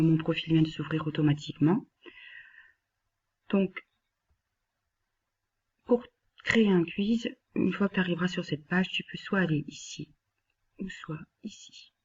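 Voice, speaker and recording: A woman instructor walking a colleague through a screen-recorded software tutorial, patient and step-by-step, talking directly to him and sometimes dropping to a near whisper. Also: fairly low pitch, measured pace, pauses often, breathy edge, muffled recording.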